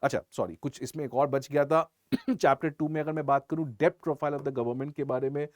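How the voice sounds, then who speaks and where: A man's voice: mid-range voice, steady tone, moderate pace, no room sound, clean studio sound. A man teaching an exam-prep lecture in Hindi mixed with English in an Indian accent. He drives his points home with rhetorical questions.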